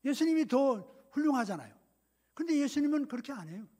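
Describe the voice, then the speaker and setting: A middle-aged male pastor preaching a sermon, swinging between loud scolding quotes and hushed, whispered asides. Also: very high voice, big pitch swings, fast.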